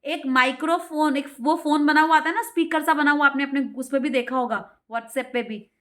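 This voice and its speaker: A woman tutoring a child at home. She reads each English step slowly, explains it in Hindi, and drills with repeated questions. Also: sits high, a bit bright.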